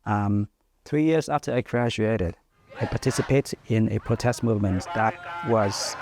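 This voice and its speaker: A man in his thirties from northern Vietnam, a native Vietnamese speaker, answering interview questions thoughtfully with frequent pauses and fillers. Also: lowish voice. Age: 30s. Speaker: journalist guest.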